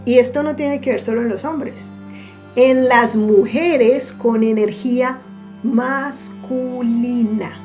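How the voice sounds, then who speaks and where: A woman giving a reflective spiritual teaching, speaking deliberately and stretching key words for emphasis. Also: on the high side, steady tone, darkish tone, soft background music.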